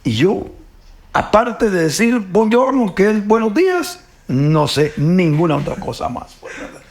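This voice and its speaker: Speaking with big pitch swings in a high voice and a slightly slow pace, this middle-aged Guatemalan host reflects earnestly on faith in Spanish. He tends to repeat words and wraps up with "pues, ¿verdad?".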